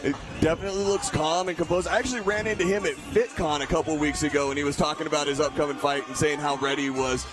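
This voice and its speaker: A man's voice: on the high side, steady tone, fast, few pauses. A man giving conversational, enthusiastic live commentary as a fight commentator. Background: music.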